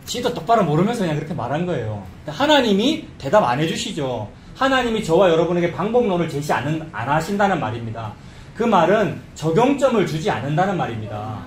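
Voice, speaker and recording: Animated male pastor in echoey church. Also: on the high side, fairly quick. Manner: conversational preaching, acts out quoted voices. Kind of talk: sermon. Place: church sanctuary.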